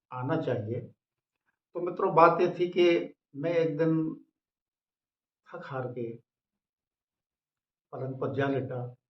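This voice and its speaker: Slow, chuckling male comic poet. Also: mid-range voice. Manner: slow, repeats each couplet, chuckles at his own lines. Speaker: poet reciting his own comic verse. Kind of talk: humorous poetry recitation. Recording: echoey dull lo-fi recording.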